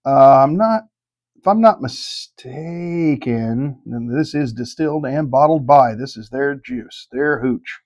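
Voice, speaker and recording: A middle-aged man hosts a casual tasting review in a mid-pitched voice. He talks in a folksy, halting way and swears freely as he goes. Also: expressive, a little mellow, highs cut off. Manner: profane, folksy, halting delivery. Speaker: whiskey review host.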